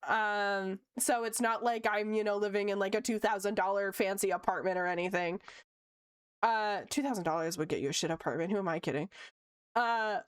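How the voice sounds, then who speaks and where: Drawing live from her home room, a late-20s woman streamer and VTuber from Ontario, Canada, keeps up upbeat, casual chatter full of laughs and fillers. Her mid-range voice runs a little fast with a clean tone, and the recording is clean studio sound without echo.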